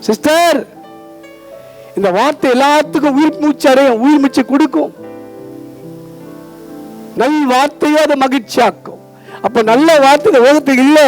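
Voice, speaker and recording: A man with a Tamil accent preaches a fervent sermon in a strikingly high voice. He calls out to his listeners again and again and echoes their readings back to them. Soft music plays beneath him. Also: normal speed, pauses often. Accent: Tamil Nadu. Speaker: pastor.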